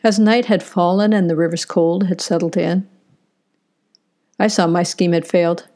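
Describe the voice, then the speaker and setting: A woman's voice: lowish voice, steady tone, moderate pace, mellow. A woman telling a first-person story in a wry, reflective spoken-word style.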